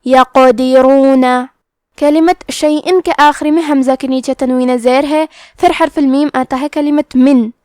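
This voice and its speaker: A woman with a Pakistani Urdu accent teaching Quran recitation rules step by step, explaining each letter plainly and then reciting the words slowly with long drawn vowels. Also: high-pitched, darkish tone, no room sound, studio quality. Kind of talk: tajweed lesson with slow recitation.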